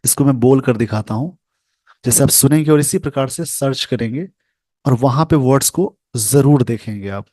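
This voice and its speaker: A man teaching English pronunciation over a screen share, speaking slowly and carefully and repeating sounds for his learners. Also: medium pitch, a little mellow, no room sound.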